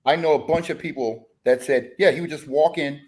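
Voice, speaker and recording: A man's voice: on the high side, fairly quick, a little mellow. A man who leads a band, chatting as a podcast guest, rambling with lots of fillers and restarts. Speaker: guest musician, bandleader. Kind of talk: casual podcast chat.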